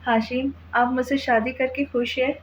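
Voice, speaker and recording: A woman voicing an excitable, playful young bride in a storybook reading, bubbly and pouting. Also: sits high, normal speed, slight background noise, close to an everyday voice, rough recording. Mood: excited.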